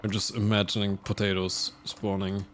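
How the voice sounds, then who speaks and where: A man commentating live on his own gameplay in a casual, animated way, swearing and laughing at his mishaps. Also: fairly low pitch, normal speed, slight background noise. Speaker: streamer playing a game.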